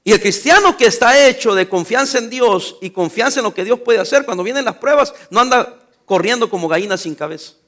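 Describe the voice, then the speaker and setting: Male pastor, high bright voice, emphatic sermon delivery with call-and-response and teasing asides. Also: animated, fairly quick. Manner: emphatic preaching, call-and-response questions to the congregation.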